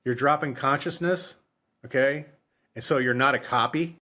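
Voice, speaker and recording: A man co-hosts a book podcast in a casual, unscripted chat, his mid-range voice carrying a sharp tone at a normal pace. He rambles off the cuff, repeating phrases and correcting himself as he goes.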